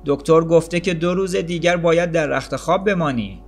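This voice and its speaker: A man voicing a gentle, loving young mother in an audiobook story, speaking softly and coaxingly. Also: on the high side, faint music behind, pitched above the performer's own voice. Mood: tender. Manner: soft, coaxing, smiling.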